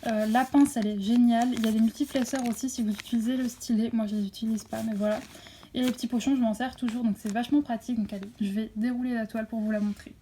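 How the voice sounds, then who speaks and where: A woman's voice: on the high side, fairly even intonation, quick pace, dark tone, slight background noise. A young woman vlogging casually at home, unboxing a craft kit with many fillers and self-corrections. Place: at home near a window. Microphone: phone camera.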